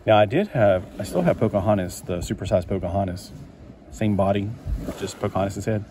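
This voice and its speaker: Speaking a little fast in a lowish voice, a man rambles to himself while paging through a collector magazine at an indoor table. He's casual and quick to be delighted, and there's noise in the background.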